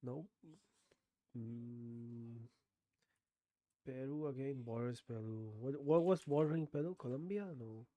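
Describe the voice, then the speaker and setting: A man's voice: mid-range voice, moderate pace, hardly any pauses, warm tone, no echo, dull audio. A man streaming a guessing game, thinking aloud with frequent swearing and sudden bursts of disbelief. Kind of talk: casual game commentary.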